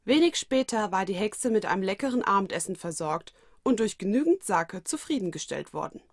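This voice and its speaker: A woman narrating a fan fiction story in a steady storytelling voice. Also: medium pitch, fairly quick, no room sound, studio quality. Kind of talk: audiobook reading of fan fiction.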